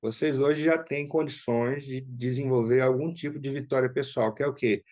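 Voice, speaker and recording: A man teaching an online workshop in a casual, conversational way, often checking in with quick tag questions. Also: medium pitch, steady tone, darkish tone, dry recording. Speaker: workshop instructor. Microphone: online call mic. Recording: dull, dry lo-fi sound.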